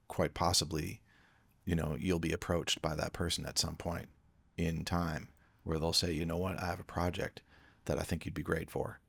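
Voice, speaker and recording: Deep gravelly-voiced man, earnest podcast guest. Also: dry recording. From Canada. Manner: earnest, reflective, repeats words as he thinks. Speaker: podcast guest, music producer. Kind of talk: casual podcast conversation.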